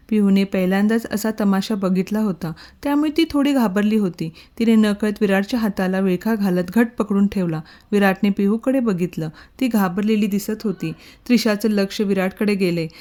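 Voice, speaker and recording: A woman narrating a romantic story in a calm, even storytelling manner. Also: medium pitch. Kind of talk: scripted narration.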